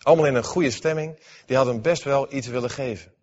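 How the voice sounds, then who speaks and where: A man preaching a sermon in a church, reading scripture and then expounding it, dramatic, swinging between raised emphatic lines and hushed ones. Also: medium pitch, a little fast. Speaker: pastor. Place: church hall. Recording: dull, hall with long reverb.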